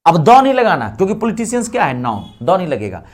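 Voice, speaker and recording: A male teacher with an Indian English accent giving an exam grammar lecture. He asks questions and answers them himself, and dictates English examples slowly, word by word. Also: sits high, wildly swooping pitch.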